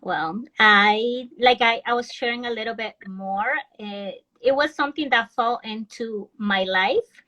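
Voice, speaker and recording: Speaking at a measured pace with a forceful, bright tone, this fairly high-voiced woman is an Ecuadorian financial advisor appearing as a guest on a video call. She talks earnestly in the casual live-stream interview, often restarting sentences, over a rough recording.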